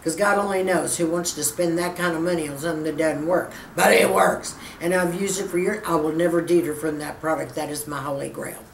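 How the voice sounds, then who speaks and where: A Texas-accented woman in her fifties, a skincare vlogger, chats to camera in a casual Q&A and calls her viewers girlfriend. Her low, steady voice moves fairly quickly with vocal fry and hardly any pauses, picked up off-mic from a distance in an echoey room with a faint hum.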